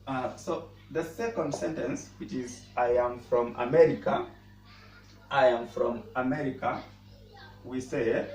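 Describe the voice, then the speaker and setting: A man who speaks natively, teaching a casual language lesson and pausing often to repeat words as he explains. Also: medium pitch, darkish tone. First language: Swahili. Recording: roomy echo, mic at a distance, faint noise.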